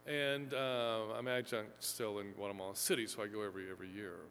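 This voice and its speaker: In an echoey lecture hall with a faint hum and faint background music, a seminary professor from Houston, Texas, lectures a live audience from a fixed lectern mic. His talk is chatty, rambling, full of fillers, and self-deprecating. His voice is on the low side, level in tone, a bit bright, and a little fast.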